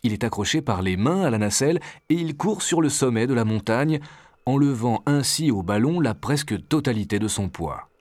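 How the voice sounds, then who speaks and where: A man narrating a storybook adventure in a measured, expressive reading. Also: mid-range voice, dry recording.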